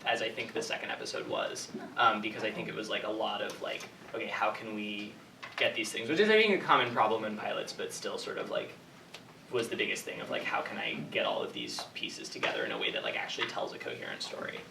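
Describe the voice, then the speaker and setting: A man in his twenties, speaking as a writer at an audience Q&A, gives informal, rambling answers with a lot of "like" and some hesitation. His voice is lowish, creaky and bright, with a forceful tone, and he talks fast and very animatedly. The recording is noisy, with a distant mic in an echoey room.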